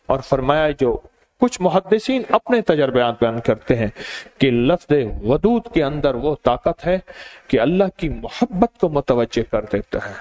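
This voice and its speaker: A man giving a sermon, telling stories and speaking directly to his listeners in an animated way. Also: fairly high pitch. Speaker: religious preacher. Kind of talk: storytelling sermon.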